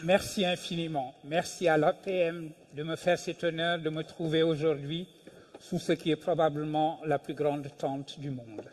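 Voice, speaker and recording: An older man from Senegal, a philosophy professor, giving a measured, deliberate public talk with emphatic pauses. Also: fairly high pitch, steady tone, a little mellow. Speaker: invited speaker, philosophy professor. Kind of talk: lecture at a public event.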